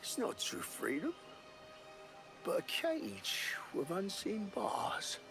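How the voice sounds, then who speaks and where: Slow, gruff old sea dog. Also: male voice, sits high, wildly swooping pitch, heavily acted. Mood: impassioned, reflective. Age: older. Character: gruff old male sea dog, talkative, philosophical, tipsy. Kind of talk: video game character acting. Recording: music playing behind the voice.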